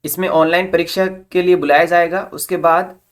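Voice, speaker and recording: A presenter of job recruitment updates briskly reads an official recruitment notice, keeping a steady tone at medium pitch. The explainer is instructional, with the formal terms recast in simpler language.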